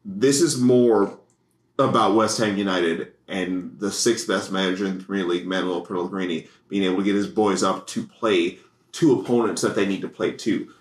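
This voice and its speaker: Excitable American guy in an echoey room. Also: low-pitched, normal speed. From United States. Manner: rambling, excitable, laughs often. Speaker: podcast co-host. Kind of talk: casual sports chat.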